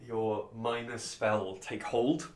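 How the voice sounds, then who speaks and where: A man acting as game master, narrating and refereeing a tabletop game in a dramatic, measured way. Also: on the low side, fairly even intonation, a little hiss or hum.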